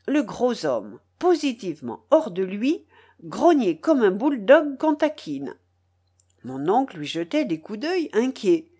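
A woman reads a classic novel aloud with an expressive, dramatic delivery. Her voice swings widely in pitch, lifting and falling with the story. It is a steady literary narration. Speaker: audiobook reader.

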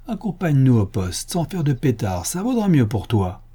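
A man's voice: mid-range voice, very animated, moderate pace, warm tone, breathy edge, pitched above the performer's own voice. A man voicing a brusque, mocking police detective making an arrest. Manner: brusque, sarcastic.

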